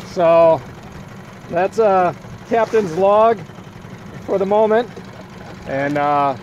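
A man's voice: high voice, very slow, darkish tone, muffled recording, slight background noise. A man in his thirties recording a casual video log on a sailboat deck, chatting with a wry sense of humor and laughing asides. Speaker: vlogger sailing crew member. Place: outdoors on a sailboat deck at sea. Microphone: handheld camera at arm's length.

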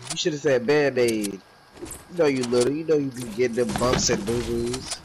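A man's voice: medium pitch, normal speed. A young man with a stuffed-up nose, in casual gaming banter, joking and ribbing his squad. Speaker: gaming video creator. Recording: noisy gameplay audio.

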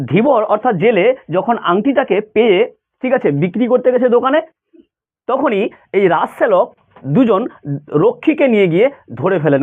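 A man with a slightly high voice and lively pitch swings gives an informal lesson, explaining a story to school students conversationally. He often asks short questions to make sure they're following, and the audio sounds thin and narrow, like a phone.

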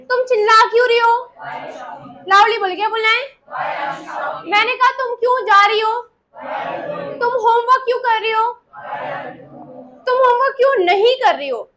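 A woman leads a classroom grammar lesson in a very high, bright voice. She repeats each example sentence slowly and deliberately, then checks whether the class has understood. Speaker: English teacher.

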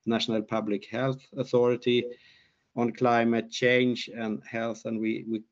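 Speaking at a measured pace in a medium-pitched, level voice, an older man shares his research findings in an online conference talk and Q&A. He sounds hesitant, full of fillers and restarts, and his laptop mic on the video call yields muffled audio.

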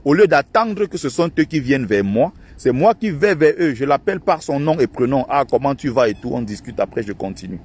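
An online activist and channel host films himself on a phone beside a lake in a park, delivering an indignant, mocking rant to his followers. His lively, husky, slightly mellow voice shifts quickly in pitch.

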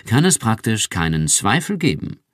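A man's voice: lowish voice, very animated, moderate pace, no echo, studio quality, voice pushed up. A man reading an audiobook, voicing a friendly, showy male television host with a genial announcer tone.

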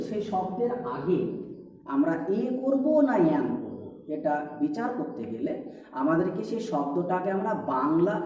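A male teacher explaining a lesson patiently, with a lively, rising and falling delivery and a mellow tone. He asks rhetorical questions and repeats key points. The sound is echoey, distant and a little dull. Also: high-pitched.

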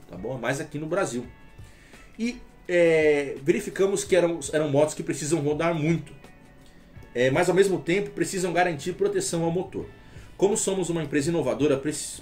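A chatty Brazilian man with a slightly higher voice than most, explaining in an easygoing way straight to camera. He reads text aloud haltingly, stumbling and restarting, and faint music plays behind him. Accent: Brazilian Portuguese. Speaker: motor oil seller. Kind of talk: casual talk to camera.

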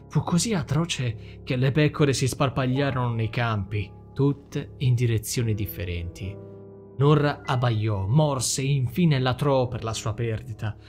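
A man reading a dark novel as an audiobook, slow and dramatic. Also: mid-range voice. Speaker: audiobook narrator. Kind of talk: scripted narration. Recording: faint background music.

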